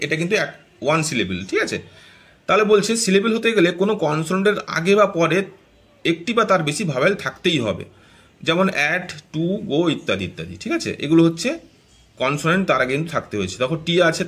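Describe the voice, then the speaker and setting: Brisk Bengali-speaking grammar teacher. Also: male voice, on the high side, a bit bright. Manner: explains step by step, often checks "all right?". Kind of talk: classroom grammar lesson.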